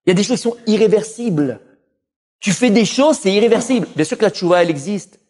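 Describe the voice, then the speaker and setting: Rabbi, man, lively teaching voice, fairly high, talks straight to the listeners. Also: fast talker. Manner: animated, addresses listeners directly, full of Hebrew terms. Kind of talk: Torah lesson sermon.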